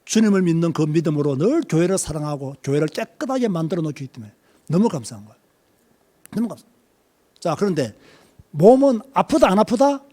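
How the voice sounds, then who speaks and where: Lively Korean preacher. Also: male voice, on the high side, quick pace. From Korea, Busan. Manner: lively preaching, questions to the congregation. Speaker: pastor. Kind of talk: sermon.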